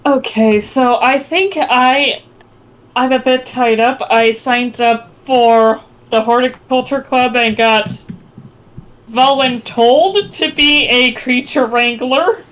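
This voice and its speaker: Slow-talking woman playing a tabletop game. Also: fairly high pitch, fairly bright tone. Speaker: player. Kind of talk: tabletop role-play.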